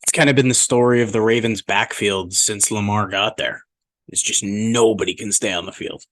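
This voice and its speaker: A young man co-hosting a casual sports podcast, sarcastic and quick to rant. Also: on the low side, steady tone. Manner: sarcastic, flares up into loud rants. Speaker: podcast co-host.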